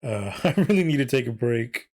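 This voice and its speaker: A man in the middle range of pitch talks loosely into a desk mic, wandering through his thoughts with fillers and restarts. His voice is wearing thin from talking so long. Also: animated, normal speed, darkish tone. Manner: rambling, many fillers and self-corrections. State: losing his voice. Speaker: podcast host and VTuber. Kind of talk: casual solo podcast chat.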